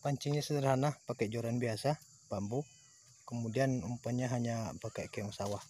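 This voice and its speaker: A man filming his wife fishing for a casual vlog. He talks calmly and cheers loudly whenever a fish is caught, recorded outdoors on a handheld phone. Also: medium pitch. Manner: slow calm narration, bursting into excited shouts at each catch. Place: outdoors by a pond bank with crickets and insects. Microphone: handheld phone camera. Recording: faint outdoor insect noise.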